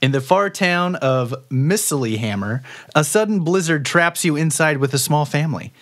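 A man narrates a tabletop game as its game master, reading quiz choices with playful energy. His voice sits fairly high and jumps up in pitch when he announces scores. He laughs often between lines. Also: animated, moderate pace, fairly bright tone.

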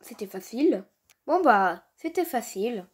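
A woman's voice: a little high, sing-song, moderate pace, faint music behind. A woman with a youthful voice doing improvised, slangy, exclamatory role-play over video game footage. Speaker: gaming video creator voicing characters. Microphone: handheld phone filming a screen.

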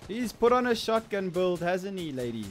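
A man with a Zimbabwean accent giving casual, excitable live commentary on a game he plays, chatting with viewers. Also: high-pitched, moderate pace, soft background music. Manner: casual, excitable, laughs often, calls viewers bro. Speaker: streamer.

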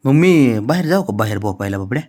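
A man's voice: medium pitch, expressive, fast talker, dark tone. A man coaxing his pet cat in doting baby talk at home late at night. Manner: coaxing, doting sing-song. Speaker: pet owner.

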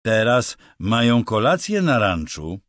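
A man voicing a slow, childlike giant of a man who talks in a simple, halting, eager way. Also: lowish voice, sing-song, fairly bright tone, dry recording, clean studio sound, voice pushed up.

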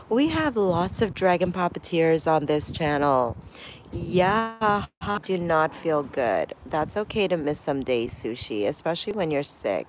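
A woman's voice: lowish voice, a little hiss or hum. A woman hosting a casual livestream outdoors, reading viewer comments aloud and greeting them one by one. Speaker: livestream host. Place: windy backyard outdoors.

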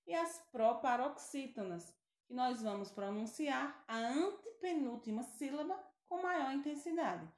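Brazilian female teacher, slow and deliberate, higher voice, echoey room. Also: lively intonation. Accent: Brazilian Portuguese. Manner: slow, deliberate, stretches example words, checks in with "certo?". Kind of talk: recorded grammar lesson.

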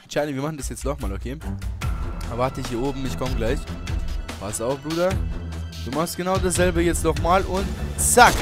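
A young man giving excited gameplay commentary, swinging from low mumbling to sudden shouts. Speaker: gaming streamer. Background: game music.

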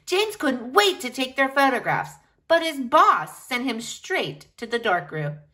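A woman's high voice moves at a measured pace as she reads a picture book expressively to children, speaking right to her little audience.

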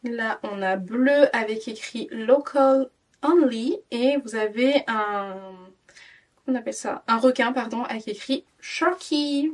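With a fairly high pitch and an unhurried pace, a worn-out Frenchwoman in her 20s talks casually through a clothing haul vlog. A parenting vlogger, she rambles with plenty of fillers and restarts, recorded from a distance.

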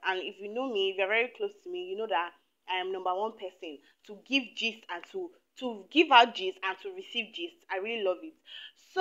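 A woman of twenty from Nigeria chatting to camera in a get-to-know-me video, animated and talkative, recorded indoors on a lapel mic. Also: on the high side, lo-fi sound. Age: 20s. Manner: chatty, animated, laughs often. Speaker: YouTuber. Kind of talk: casual chat to camera. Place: small indoor room.

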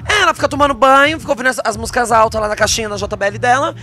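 A young Brazilian man with a high, bright voice co-hosts a casual chat. He is playful and teasing, on a handheld mic with faint party music behind. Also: racing. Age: young adult. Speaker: podcast co-host. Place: small podcast booth at a party. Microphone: handheld microphone.

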